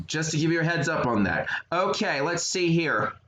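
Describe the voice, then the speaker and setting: A man's voice: a little high, lively intonation, normal speed. A man hosting a tabletop racing game, casually counting spaces aloud and asking players to lock in their moves. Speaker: host running the game. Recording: echoey room with noise.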